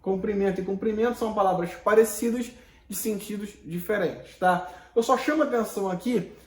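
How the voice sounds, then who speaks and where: A man's voice: high voice, a little fast, a little mellow, roomy sound. A Brazilian man teaching a Portuguese lesson in a conversational, explanatory way, with casual slang and rhetorical questions. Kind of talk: online lesson lecture.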